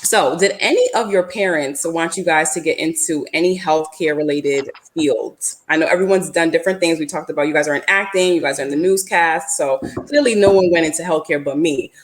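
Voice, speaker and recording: A woman hosts a lighthearted online panel, playful and quick to laugh. Her voice sits a little low. She sounds like she is speaking into a home setup on a video call. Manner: playful, laughs often, teasing. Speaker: panel moderator. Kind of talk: hosting a lighthearted panel chat.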